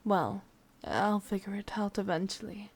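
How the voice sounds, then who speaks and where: For an ASMR roleplay, a woman with an English accent plays a sadistic, possessive witch lover, speaking in a breathy, husky whisper that feels intimate and teasing. Her voice sits in the mid range and she takes her time. The mood swings between adoring and menacing.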